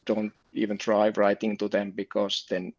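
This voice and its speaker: A man in a technical video call meeting. His call audio is choppy and glitchy, and he talks haltingly, repeating words as he thinks. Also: lowish voice, level tone, lo-fi sound. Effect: choppy, glitchy call audio breaking up. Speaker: meeting participant.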